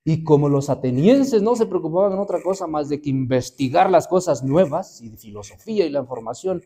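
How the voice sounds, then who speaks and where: A man's voice: fairly high pitch, lively intonation, a little fast, dark tone. A man, preaching a sermon and telling stories with acted-out quotes to the congregation. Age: 50s. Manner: storytelling, acts out quoted voices, addresses the congregation.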